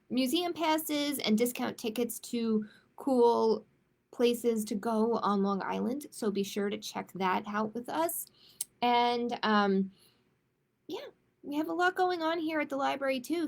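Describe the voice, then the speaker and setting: A woman whose voice is on the high side and gravelly hosts a children's storytime. Expressive and emphatic, she reads a picture book aloud and chats in a casual way.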